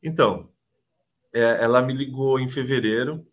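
A Brazilian man in his thirties, chatting casually on a video call with a middle-pitched voice. He talks in a hesitant, halting way, restarting phrases and tagging questions onto his sentences. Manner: hesitant, repeats words, many "né" tags. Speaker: interviewee, immigration client.

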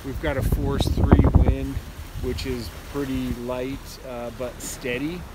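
A man's voice: medium pitch, slow pace. Man vlogging from a windy sailboat. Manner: relaxed, explanatory, many fillers. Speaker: sailing travel vlogger. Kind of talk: casual vlog to camera. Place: outdoors on a sailboat deck at sea. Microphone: handheld camera at arm's length. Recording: loud wind and water noise. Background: wind and waves.

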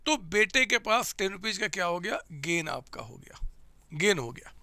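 Lively high-voiced male teacher. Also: moderate pace, no room sound, studio quality. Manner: animated, asks questions and answers them himself. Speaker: commerce teacher. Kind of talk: classroom lecture with home examples.

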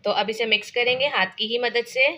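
A woman with a fairly high, steady voice talks a little fast while hosting a cooking channel. In her kitchen, with a Pakistani Urdu accent, she chats through a home recipe step by step, using lots of filler phrases.

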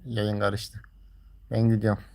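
A man's voice: on the low side, completely flat delivery, measured pace, creaky, a little mellow. A man livestreaming, talking casually and colloquially to viewers in a grumbling, teasing way. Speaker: live streamer.

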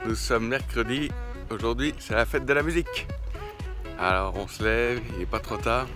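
A man's voice: medium pitch, normal speed, over music. Young man vlogging from his phone. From France. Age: 20s. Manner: relaxed chatty, lots of fillers. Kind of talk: casual travel vlog. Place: outdoors by the sea and in a camper van. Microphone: phone at arm's length.

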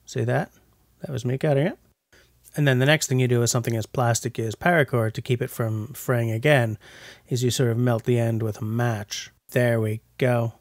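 A bushcraft vlogger in his forties narrates a casual vlog voice-over, recorded on a voice-over mic rather than outdoors. His medium-pitched voice is steady and moves at normal speed, with studio-quality sound and no echo. His manner is jokey and self-mocking.

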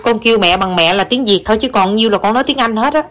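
A young woman, chatting at home with her child and slowing down to coax out the right words. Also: a little high, a crowd in the background. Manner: coaxing, slows down to model words for the child. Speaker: mother filming her child. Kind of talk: casual home chat with a child. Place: at home indoors.

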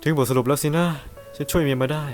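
A young man doing a crude comedic parody dub, brash and swearing through rapid-fire jokes. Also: a little high, steady tone, faint music behind. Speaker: parody dubber.

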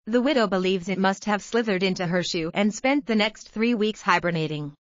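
A woman narrating a news story in an even, measured scripted read. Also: mid-range voice, no room sound, muffled recording.

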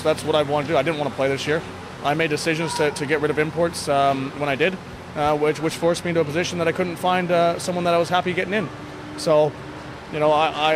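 After the game, a hockey bench coach in his thirties speaks candidly and casually, quick and fairly high-voiced, in a plain, halting way that keeps doubling back on words. A handheld interview mic picks him up inside a blue-block-walled indoor sports hall, with clear venue noise and ambience behind him.

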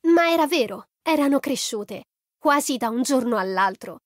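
A woman reading a first-person story as an audiobook narrator in an even storytelling delivery. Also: high-pitched, normal speed, no echo, studio quality.

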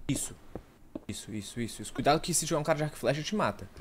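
A man with a Brazilian accent playing a multiplayer game with a friend, excitedly shouting warnings and cheering him on. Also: a little high, rapid-fire, slight background noise. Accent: Brazilian Portuguese. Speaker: gameplay co-player. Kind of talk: excited gaming chat.

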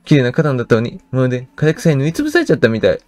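A man reading aloud a gentle little girl who waters a withered flowerbed in a video game, soft and hopeful. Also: mid-range voice, wildly swooping pitch, racing, no room sound.

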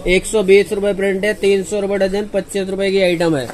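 A shopkeeper showing his cosmetics stock in a crowded shop, reeling off prices per dozen and per piece in a steady sales patter. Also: high voice, brisk. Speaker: wholesale shopkeeper. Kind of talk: sales pitch.

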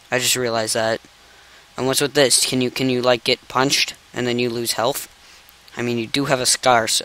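Playing at his computer for a commentary video, a young man keeps crying "no" in disbelief and frustration. His mid-range voice sounds a bit bright and clean, though the audio quality is poor.

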